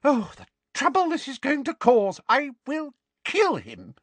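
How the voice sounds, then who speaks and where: A man voicing a batty, frantic old woman neighbour who scolds in a shrill, shrieking voice. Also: huge pitch swings, measured pace, dry recording, exaggerated voice. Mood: frantic scolding. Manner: fussy, breathless scolding.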